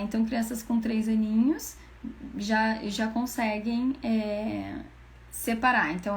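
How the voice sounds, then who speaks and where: A Brazilian woman speech therapist explaining how to build a child's phonological awareness, with many fillers and restarts. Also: a little high. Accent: Brazilian Portuguese.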